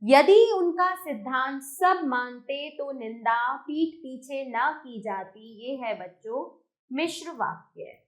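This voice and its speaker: A woman teacher works through a grammar lesson for children. Her voice sits high and she talks slowly and carefully, reading examples aloud one by one and turning to her pupils with direct instructions. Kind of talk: textbook lesson explanation.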